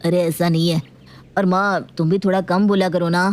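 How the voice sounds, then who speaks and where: A woman voicing a young husband who tries to calm his wife and mother, reasoning with them. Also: fairly low pitch, moderate pace, lightly acted. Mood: placating. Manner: placating, reasoning.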